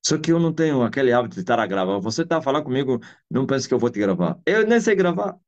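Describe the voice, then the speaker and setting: A man's voice: medium pitch, very animated, racing. A man with an Angolan Portuguese accent preaching a sermon over a live video call, stressing his points by repeating them. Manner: emphatic, repeats phrases for weight. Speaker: apostle and preacher. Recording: slightly muffled online call audio.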